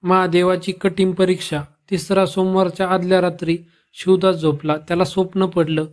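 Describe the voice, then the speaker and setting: A man narrating a scripted devotional story with a steady, even delivery. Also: high-pitched, normal speed.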